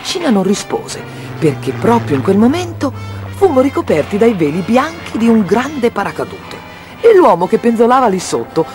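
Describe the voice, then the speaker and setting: Very animated children's storyteller over soft music. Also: medium pitch. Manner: very lively, sing-song storytelling.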